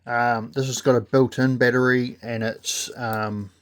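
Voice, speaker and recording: Male, New Zealand accent, slow and hesitant, unscripted casual reviewer. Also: medium pitch, flat delivery. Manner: halting, hesitant delivery with pauses. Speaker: gadget reviewer.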